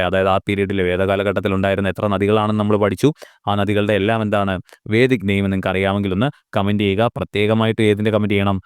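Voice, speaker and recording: Male exam tutor, resonant low voice, repetitive question-answer drilling, dry recording. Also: clean tone, no echo. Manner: asks rhetorical questions and answers them himself; repeats key facts, mixing English terms into Malayalam. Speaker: exam coaching teacher. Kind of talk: recorded lesson.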